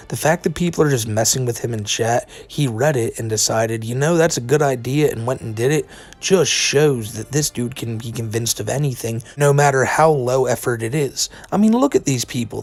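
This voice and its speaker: A man giving casual, incredulous commentary on internet drama, with a sardonic, informal way of talking and some casual swearing. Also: medium pitch. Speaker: commentary video narrator.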